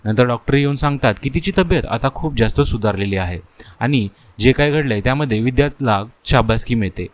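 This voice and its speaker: A man's voice: mid-range voice, brisk. A man narrating a children's cartoon story in a plain storytelling way, talking to listeners as friends.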